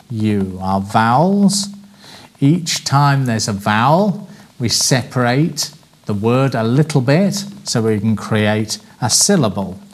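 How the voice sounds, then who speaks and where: Man slowly teaching a presentation class. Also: mid-range voice. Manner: clear, deliberate, slows to spell out words. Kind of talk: lecture on presentation skills.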